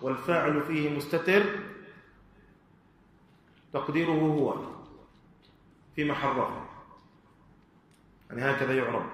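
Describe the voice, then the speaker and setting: A man teaching Arabic grammar to a class, speaking slowly and deliberately and putting questions to his students. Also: a little high, fairly bright tone. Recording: echoey hall with faint room noise.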